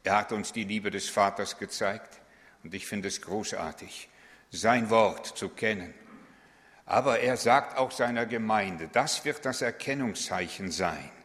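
Middle-aged guy preaching, punchy and forceful, lots of "nicht?" questions, big echoey hall. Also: lowish voice, measured pace. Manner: emphatic, rhetorical questions with a tag "nicht?". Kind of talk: sermon. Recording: long hall reverb.

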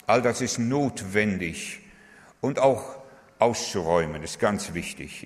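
A man preaching a sermon, earnest and exhorting, speaking straight to his listeners. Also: on the low side. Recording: long hall reverb.

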